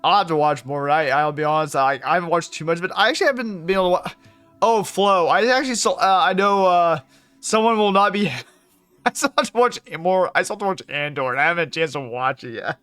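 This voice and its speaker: A young man with a high, smooth, clear voice chats with viewers during a live game stream. He rambles, swears without a second thought and breaks into laughter easily. The sound is dry and close, with faint music under him. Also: animated, fast, fairly bright tone, dry recording. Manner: rambling, curses freely, laughs often.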